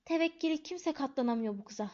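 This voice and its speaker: A woman's voice: high-pitched, lively intonation, fairly quick, darkish tone. A woman voicing a sulky grumbling schoolboy. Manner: grumbling, sullen. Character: grumbling sulky eleven-year-old schoolboy. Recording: dull lo-fi recording.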